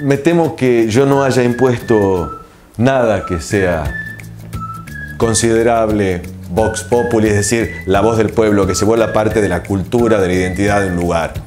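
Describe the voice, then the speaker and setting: A man in his forties with an Argentine accent, answering interview questions in a relaxed, reflective way with frequent filler pauses, on a lapel mic in a small studio. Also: lowish voice, over music. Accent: Argentine Spanish. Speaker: TV host and producer, interview guest.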